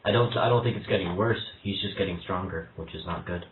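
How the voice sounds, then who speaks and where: Speaking fast in a deep voice, a young man pranks someone by phone while posing as a troubled single father, stammering and hesitating in a mock-earnest tone. The call sounds tinny, with faint hiss and an echoey room.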